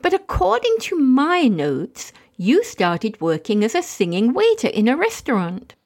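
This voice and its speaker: Prim, polite female interviewer played by a woman, very animated intonation, scripted comic mock interview. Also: a little high, unhurried, heavily acted. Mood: curious, polite.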